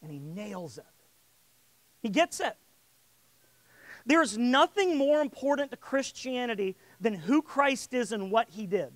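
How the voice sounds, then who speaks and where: Man preacher, high voice, dry close sound, sermon delivery that swells in emphasis and repeats words at times. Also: very animated, a little slow, pauses often, a bit bright, no echo. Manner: builds in volume and emphasis on key lines; repeats words while searching for phrasing.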